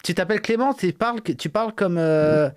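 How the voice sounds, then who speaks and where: A man's voice: sits high, moderate pace, smooth. A man hosting a casual live stream, talking bluntly and mockingly with slang and swearing. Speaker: streamer host, rapper.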